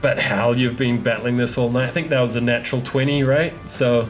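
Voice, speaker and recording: A man narrating as game master of a tabletop game, relaxed and often laughing, with halting restarts. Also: mid-range voice, soft background music.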